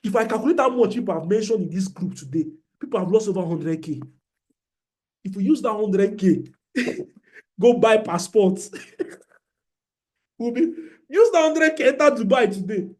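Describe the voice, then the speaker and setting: A Nigerian-accented man hosts an online trading class over a video call, speaking into a computer mic. His voice is high and brisk, and he's animated, joking and exclamatory.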